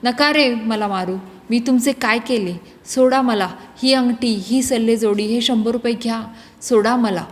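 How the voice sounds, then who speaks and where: A proud village landlord speaks briskly, read by a woman in a storybook. The voice stays fairly high for a man. Long reverb hangs around it. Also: fairly even intonation, fairly bright tone. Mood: begging. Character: fearless village landlord man, later begging.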